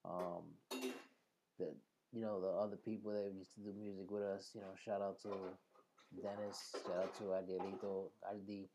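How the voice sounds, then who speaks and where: A man's voice: deep voice, little pitch movement, moderate pace, noisy background. A man hosting a show with casual, streetwise, slangy talk, sprinkling in Spanish words. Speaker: show host. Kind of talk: casual conversational interview talk.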